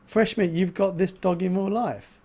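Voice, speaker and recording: A man's voice: high-pitched, fairly even intonation, moderate pace, darkish tone, breathy edge. A man hosting a livestream in casual chat, pronouncing his R's like W's. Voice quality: cannot pronounce R's, says w for r. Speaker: livestream host.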